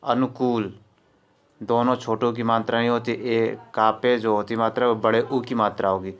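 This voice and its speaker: A man's voice: mid-range voice, flat delivery, normal speed, clear, resonant tone. A male teacher giving an exam-prep spelling lesson, repeating each word and quizzing his students. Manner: drills words by repeating them and quizzing students.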